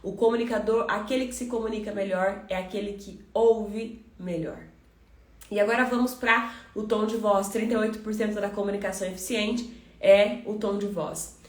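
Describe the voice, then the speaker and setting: A Brazilian woman coaching on communication, talking fast and directly to the listener as a friend. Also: mid-range voice, fairly even intonation, roomy sound. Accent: Brazilian Portuguese. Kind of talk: motivational podcast talk.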